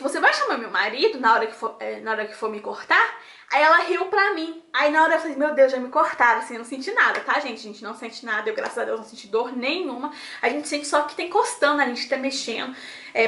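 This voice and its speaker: Chatty, bright-voiced young Brazilian woman. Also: sits high, roomy sound. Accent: Brazilian Portuguese. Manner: chatty, many restarts, talks straight to viewers. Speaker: mother telling her birth story. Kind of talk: casual vlog storytelling.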